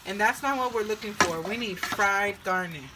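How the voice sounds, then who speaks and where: In a home cooking video, a woman speaks at a moderate pace in a medium pitch, rambling and making bawdy jokes as she cooks. Food fries in her kitchen, and the sizzling pan can be heard throughout.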